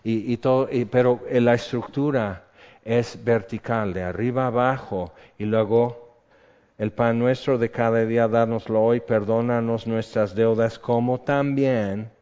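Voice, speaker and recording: A man's voice: mid-range voice, steady tone, a little slow, mellow, clear, resonant tone. A man preaching a sermon as a pastor, talking in a conversational way and putting questions to his congregation. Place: church hall. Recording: muffled sound in a reverberant hall.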